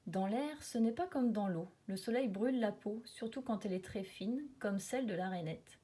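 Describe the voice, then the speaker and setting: Woman, mellow dark timbre, slightly husky, expressive nature documentary narration, children's book read aloud, storytelling emphasis. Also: mid-range voice, moderate pace. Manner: storytelling, dramatic emphasis on repeated words and sound words.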